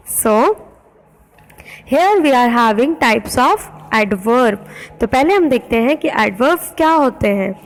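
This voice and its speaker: A woman schoolteacher with an Indian English accent, giving a recorded English lesson and explaining it in Hindi, slow and careful in English, quicker in Hindi. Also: rough recording. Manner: teacherly, rises in pitch on questions to students. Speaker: school teacher.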